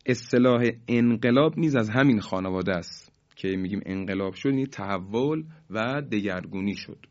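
Man teaching Quranic recitation, lo-fi. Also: fairly low pitch. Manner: slow, drawn-out demonstrations of recited words. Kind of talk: Quranic tajweed lesson.

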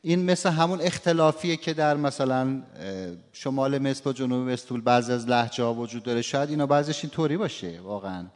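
A man teaching a recitation class, explaining points politely and demonstrating phrases as examples. His voice sits at an ordinary middle pitch. The room gives it a long reverb. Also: few pauses. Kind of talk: classroom lecture with questions.

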